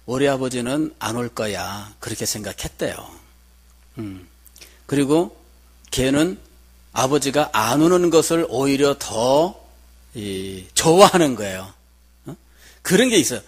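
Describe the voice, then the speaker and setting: A man's voice: mid-range voice, expressive, a little slow, long pauses. A middle-aged man preaching a sermon as pastor, telling a personal story in a conversational way and asking the congregation questions.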